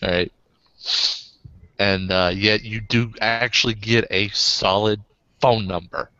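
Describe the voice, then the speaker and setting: Slow-talking male game narrator. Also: lowish voice, steady tone, bright, forceful tone, no echo, lo-fi sound.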